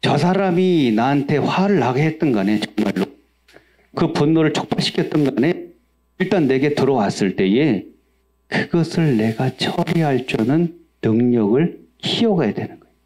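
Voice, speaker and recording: A man's voice: medium pitch, lively intonation, normal speed, darkish tone. A male pastor preaching a sermon, asking the congregation questions and acting out angry outbursts in a raised voice. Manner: asks the congregation questions and answers them himself.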